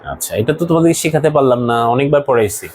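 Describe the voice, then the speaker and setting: A man's voice: medium pitch, expressive, fast talker, darkish tone, slight background noise, poor audio. A man teaching an English lesson to a class, explaining words one by one and asking students questions.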